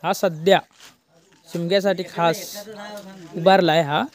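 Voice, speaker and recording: Outdoors in his Konkan courtyard, with family chatter behind, a village vlog host chats, coaxes and teases the kids while showing viewers around. His voice is on the high side, fairly even in intonation, and he takes it slowly.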